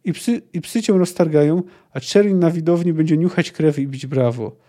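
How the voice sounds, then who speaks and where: A man reading aloud, voicing a stone-faced male swordsman who speaks quietly and ominously. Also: fairly high pitch, moderate pace, natural voice. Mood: grim. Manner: quiet, menacing.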